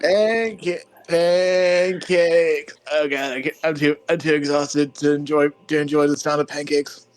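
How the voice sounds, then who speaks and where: Halting, sarcastic man player. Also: a little high, monotone, no room sound. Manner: halting, sarcastic, many restarts. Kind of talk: in-character tabletop play.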